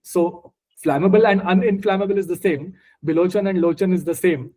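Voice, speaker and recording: Explaining scripture word by word, this Marathi-speaking man from India teaches a study group in a relaxed lesson with questions, speaking in an Indian accent. His high voice is steady, brisk, and slightly mellow, and the recording is low quality.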